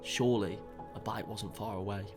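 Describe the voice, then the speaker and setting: A man with a low, voice narrates in a calm, measured storytelling tone. His script is read evenly as a voice-over. Music plays clearly behind him. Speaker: fishing vlogger. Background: background music.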